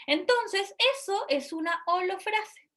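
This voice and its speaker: A woman's voice: very high voice, slow pace, a bit bright. A woman giving a recorded university lecture, explaining step by step and checking in with her students. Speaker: university lecturer in speech therapy.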